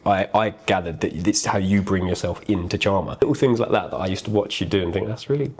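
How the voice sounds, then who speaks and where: A man's voice: deep voice, fast, breathy edge. A British man, an actor, chatting casually in a matey, joking, sweary way. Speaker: actor promoting a comedy film. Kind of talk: casual banter in a game chat.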